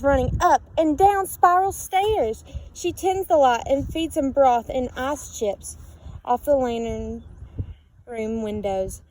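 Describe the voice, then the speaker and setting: This storybook reader has a high voice and reads a children's picture book aloud with expression, singing out repeated lines and putting questions to her listeners. The audio is poor, with steady noise in the background.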